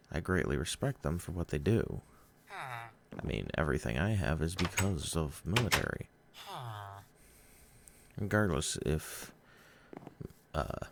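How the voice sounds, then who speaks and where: A man with a very deep, gravelly voice rambles through a casual gaming chat, pausing and stumbling over his words. His pitch swings up and down in a lively way. A clear hiss of noise sits under a home recording. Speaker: gaming vlogger. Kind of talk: rambling chat while playing a game.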